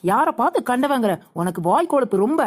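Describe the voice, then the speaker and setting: A woman voicing a quick-tempered young female shopper in a comedic cartoon, firing back indignant retorts. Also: high voice, animated. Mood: angry. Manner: indignant, rapid-fire retorts.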